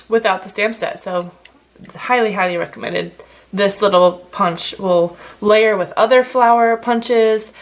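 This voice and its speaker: Chatty woman demonstrating card stamping. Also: medium pitch. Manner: chatty, relaxed, many fillers. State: slight frog in throat. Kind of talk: casual craft tutorial.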